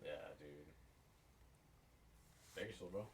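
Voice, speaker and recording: Low-voiced frat-bro man, off mic. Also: takes it slowly, recorded from a distance, a little hiss or hum. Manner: frat-bro talk full of "bro", "dude" and swearing. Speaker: podcast co-host. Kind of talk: casual chat.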